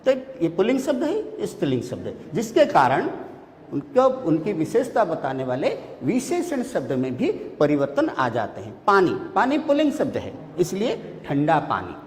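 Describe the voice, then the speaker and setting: A male teacher gives a classroom grammar lesson, naming example words one by one. His pitch rises and falls in a lively, sing-song way. The room is echoey, with a long reverb trailing each word. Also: a little hiss or hum. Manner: lists words one by one with many pauses.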